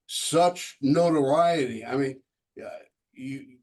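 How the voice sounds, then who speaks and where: A man's voice: medium pitch, takes it slowly, a little mellow. A man hosting a podcast, asking questions and cracking jokes. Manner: joking, asks questions. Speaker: podcast host. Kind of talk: casual interview.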